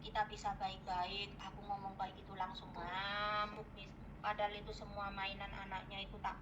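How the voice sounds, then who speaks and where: A woman's voice: medium pitch, completely flat delivery, normal speed, noisy background. A woman with a Javanese accent earnestly recounting her troubles to a host, calling her Miss again and again. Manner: earnest, addresses listener as Miss constantly. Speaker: caller telling her story. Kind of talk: emotional personal storytelling. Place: in Hong Kong.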